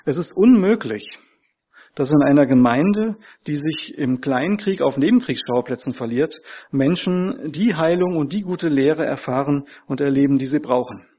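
Male preacher, sermon, fairly high husky voice, earnest repetition, dull lo-fi recording. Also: expressive, normal speed. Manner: earnest, repeats key phrases for emphasis.

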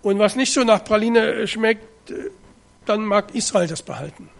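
A middle-aged man from eastern Germany preaching a sermon, reading scripture in a measured, solemn way with slow, weighty stresses. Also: sits high, creaky. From Ore Mountains, eastern Germany.

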